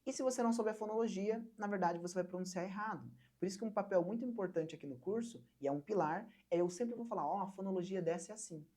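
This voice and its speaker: A young woman from Brazil teaching an online English lesson, patiently repeating words slowly for learners to copy. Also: fairly low pitch, dark tone.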